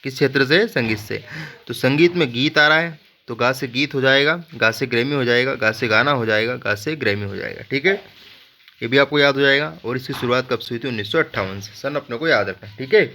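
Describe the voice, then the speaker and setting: A man's voice: mid-range voice, brisk, bright, forceful tone, slight background noise. A male teacher giving a general knowledge lesson built on memory tricks. He jokes with his students and keeps checking in with "ठीक है". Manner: playful, joking asides to students.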